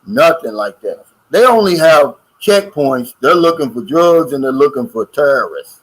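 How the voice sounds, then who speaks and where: An older American man co-hosts a casual livestream chat, reading viewer comments aloud in a folksy drawl. His medium-pitched voice swings widely in pitch at a moderate pace, and the recording is rough.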